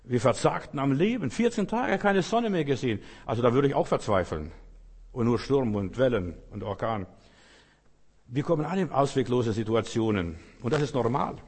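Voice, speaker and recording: A man preaching a sermon with emphatic swings between loud outbursts and quiet asides, acting out biblical speakers. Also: mid-range voice, animated, moderate pace, slightly rough, long reverb tail. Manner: acts out biblical speakers in quoted lines.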